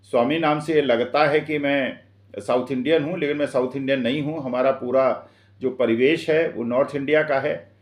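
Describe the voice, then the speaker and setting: A man from Uttar Pradesh with an eastern Uttar Pradesh Hindi accent, giving an earnest, measured opinion monologue. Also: mid-range voice, steady tone, reverberant. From Uttar Pradesh, India. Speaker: commentator.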